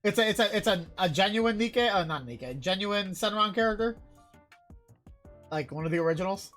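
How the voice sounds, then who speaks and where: A woman streamer giving casual, excitable gameplay commentary, swearing often and shouting when surprised. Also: mid-range voice, normal speed, faint music behind.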